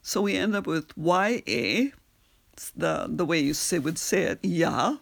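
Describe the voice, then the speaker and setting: A woman's voice: fairly low pitch, expressive, a little slow, creaky. A woman teaching on an audio lesson, patiently spelling out words and repeating phrases. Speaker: language teacher. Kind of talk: slow audio lesson on pronunciation and singing.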